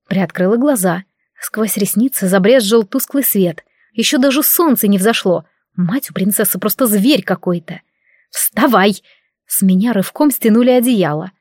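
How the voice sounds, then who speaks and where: A woman narrating a first-person audiobook in a lively, wry, conversational way. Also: medium pitch, normal speed, no room sound, clean studio sound.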